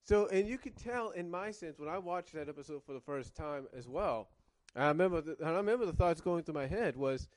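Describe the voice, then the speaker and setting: A man's voice: on the high side, animated, a little fast, hardly any pauses, darkish tone, dry recording. A man reviewing cartoons in casual commentary, rambling and circling back to rephrase, coughing now and then with a cough drop in his mouth.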